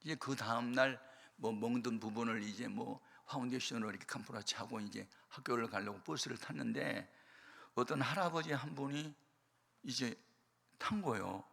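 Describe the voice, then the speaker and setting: An older male pastor preaching a sermon, telling a story with emphatic swings from quiet to loud. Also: mid-range voice, normal speed, creaky. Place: church or prayer hall. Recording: long hall reverb.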